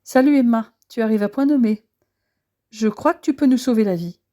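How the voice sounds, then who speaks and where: A woman's voice: fairly high pitch, moderate pace, mellow, close to an everyday voice. A woman voicing a friendly, eager young man who runs an amateur theatre troupe.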